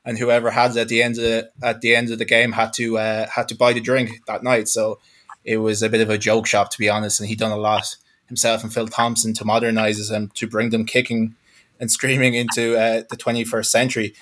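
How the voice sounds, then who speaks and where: Man in his twenties, west of Ireland accent, low-pitched, monotone, reflective sports journalist. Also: brisk. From Galway, west of Ireland. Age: 20s. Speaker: freelance sports journalist, panel guest. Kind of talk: football discussion.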